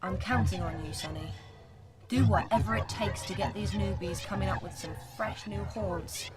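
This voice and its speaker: A woman's voice: medium pitch, normal speed, loud music behind the voice, lightly acted. A woman playing Death, a weary, irritable underworld boss with an informal, exasperated manner in an audio drama. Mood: wistful, weary. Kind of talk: scripted audio drama acting.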